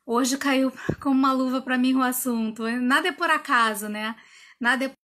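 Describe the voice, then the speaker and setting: High-voiced woman giving a reflective live talk. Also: steady tone, normal speed, bright, forceful tone, slight background noise. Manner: reflective, explaining with rhetorical questions and tag questions; acts out her own inner dialogue. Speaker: personal development coach. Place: indoor room with a window.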